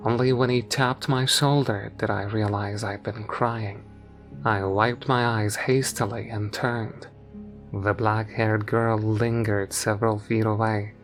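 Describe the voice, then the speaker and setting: A man's voice: on the low side, flat delivery. Man narrating a horror story. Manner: measured, storytelling delivery. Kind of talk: scripted first-person horror narration. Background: faint background music.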